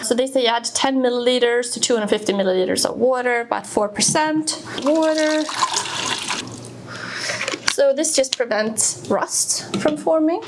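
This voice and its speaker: A woman's voice: fairly high pitch, unhurried, heavy background noise. A woman, casually walking through a tool demonstration in her workshop, explaining each step with fillers and restarts. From Sweden. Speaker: woodworking video host. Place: home woodworking workshop.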